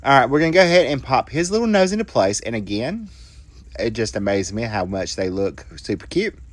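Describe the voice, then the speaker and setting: A middle-aged man narrates a crafting tutorial in a casual, folksy way. His pitch moves in a lively, animated way, full of friendly asides and little self-deprecating jokes. The recording is close and dry, with no room sound. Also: a little fast, no echo. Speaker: card-making tutorial host.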